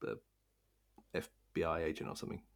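A man co-hosting a podcast, teasing his co-host and laughing often in casual film chat. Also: quick pace.

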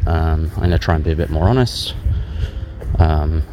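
A man with a very deep voice speaks into a handheld voice recorder while out in a park, with faint outdoor sound around him. He sounds low and numb, and his talk is halting, broken by pauses and fillers but frank. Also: noisy background. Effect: self-recorded on a handheld voice recorder. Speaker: podcast host. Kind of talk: candid personal voice memo.

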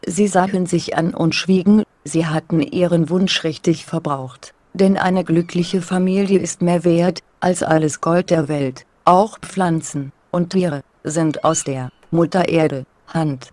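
A woman's voice: fairly low pitch, steady tone, unhurried, few pauses, darkish tone. Synthetic woman's voice reading a fairy tale. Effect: synthetic speech. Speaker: narrator.

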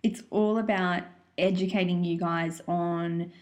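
A woman's voice: on the low side, steady tone, a little slow. A woman chatting casually and explaining things in an informal way, as a wellness course presenter. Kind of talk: casual chat.

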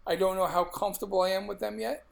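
A middle-aged man with a Brooklyn, New York accent co-hosts a podcast, keeping the chat casual, blunt and jokey. His gravelly voice sits high, with a steady tone and a quick pace.

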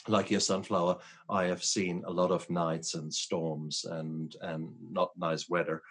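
Man, middle-aged, interview host, deep voice, reflective. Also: little pitch movement, unhurried, a bit bright, breathy edge. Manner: reflective and storytelling.

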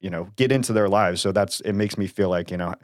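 A man's voice: low-pitched, fast talker, no room sound, clean studio sound. A man hosting a casual Bible study discussion, talking hesitantly with many fillers. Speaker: host of a Bible study podcast.

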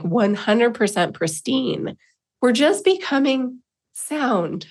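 A self-help host with a mid-range voice delivers a reflective personal monologue. She speaks informally and encourages her listeners.

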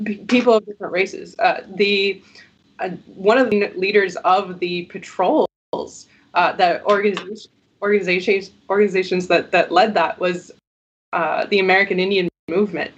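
A woman's voice: mid-range voice, steady tone, normal speed, slightly rough, dull audio. A woman speaking on a video call as a panel guest, her audio glitching and cutting out, talking hesitantly with many fillers. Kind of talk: online panel discussion.

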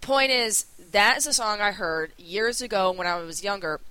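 A woman's voice: medium pitch, normal speed, bright, forceful tone, smooth, no room sound. A woman co-hosting a podcast in casual chat, blunt and outspoken, swearing freely. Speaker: podcast co-host.

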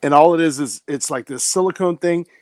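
Podcast regular, man, slightly high voice, giggly storyteller, dry sound. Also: a little fast, dry recording. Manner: chatty storyteller who laughs often. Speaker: podcast co-host. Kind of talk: casual chat. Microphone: remote call mic.

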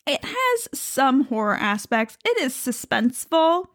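A woman's voice: sits high, sing-song, a little slow, no room sound, studio quality. A woman from New York's capital region with a faint upstate New York accent, co-hosting a podcast in a playful, teasing way. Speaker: podcast co-host. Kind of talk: casual chat.

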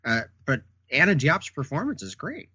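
A man's voice: a little high, wildly swooping pitch, normal speed, bright, forceful tone, husky, no echo. A man co-hosting a casual chat about comic book shows, chiming in with short agreements and corrections. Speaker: podcast co-host. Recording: dry, dull lo-fi sound.

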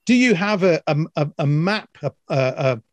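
A man's voice: fairly high pitch, lively intonation, normal speed, dry recording. An older man chatting casually in a reassuring way, repeating words as he feels his way into a sentence. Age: older, with sons in their thirties and grandchildren. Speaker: editor and former media lecturer. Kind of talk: casual chat.

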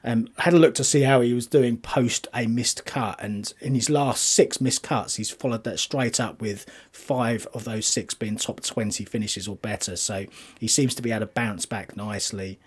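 Bloke doing golf commentary and betting tips, bit husky, chatty but analytical, medium pitch. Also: male voice, normal speed. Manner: analytical, running through statistics and results.

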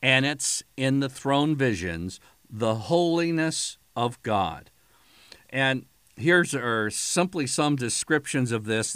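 A man preaching a sermon, with emphatic, dramatic swings in pitch and loudness. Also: no echo.

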